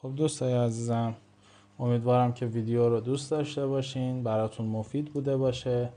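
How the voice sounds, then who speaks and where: Mellow-voiced man teaching German. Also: mid-range voice, fairly even intonation. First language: Persian. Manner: explains slowly, repeats example words. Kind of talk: video lesson.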